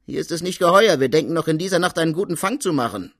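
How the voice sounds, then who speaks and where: A man doing a brisk police lieutenant. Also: fairly high pitch, lively intonation, dry recording, studio quality, voice pushed up.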